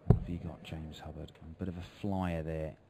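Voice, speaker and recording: A man's voice: very deep voice, level tone, brisk, gravelly, noisy background. A man giving live darts commentary in a colloquial way, reacting to each throw. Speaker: sports commentator.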